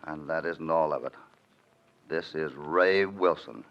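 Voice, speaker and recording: Hopalong Cassidy: a deep-voiced calm cowboy hero. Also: male voice, measured pace, heavily acted. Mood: firm. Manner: calm, firm, authoritative. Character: steady heroic male cowboy, calm and commanding. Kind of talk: 1940s radio acting. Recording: hissy lo-fi vintage radio recording.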